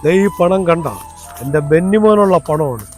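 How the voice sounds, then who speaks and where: A man's voice: fairly high pitch, lively intonation, moderate pace, music in the background, lightly acted. An actor playing a grief-crazed old moneylender father in a comedy skit, rambling and pleading.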